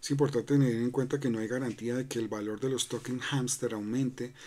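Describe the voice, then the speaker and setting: A man's voice: mid-range voice, steady tone, a little fast, darkish tone. A man hosting a crypto channel, talking loosely through a screen-recorded walkthrough, full of fillers, restarts and tag questions. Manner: loose and conversational, many fillers and restarts, asks "¿no?".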